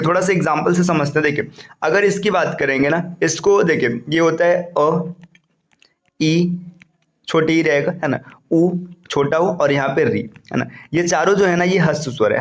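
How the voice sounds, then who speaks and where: Young guy teaching a prep class online, kinda high voice, goes slow and keeps repeating stuff. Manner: explains slowly and repeats, with frequent "है ना". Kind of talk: online exam-prep lecture.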